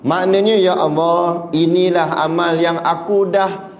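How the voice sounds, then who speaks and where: A man gives a religious lecture and tells its stories with lively, animated delivery, chuckling now and then. His voice sits a little high for a man. The sound is dull and lo-fi, with a long reverb from a big hall. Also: measured pace. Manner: animated storyteller, chuckles between points. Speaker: religious teacher. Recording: echoey hall, dull lo-fi sound, faint hiss.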